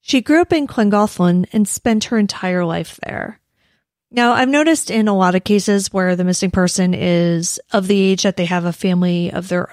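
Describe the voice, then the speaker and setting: A woman with an American accent and a creaky voice, telling true crime stories conversationally as a podcast host. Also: lowish voice, a little mellow, dry recording, studio quality. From United States. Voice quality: creaky vocal fry. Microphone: close podcast microphone in a dry room.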